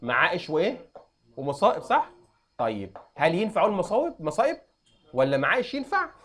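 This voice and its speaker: A young adult man with an Egyptian accent, teaching an Arabic grammar lesson and quizzing students with quick questions. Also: on the high side, wildly swooping pitch, a bit bright. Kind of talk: classroom lesson.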